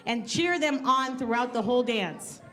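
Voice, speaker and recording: A high-voiced woman emcee who is slightly out of breath swings her pitch all over as she jokes with the crowd. She speaks into a handheld mic on a festival stage, rallying the audience to cheer. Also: animated, moderate pace, a bit bright. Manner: playful, joking, rallying the audience. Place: stage at a temple festival program.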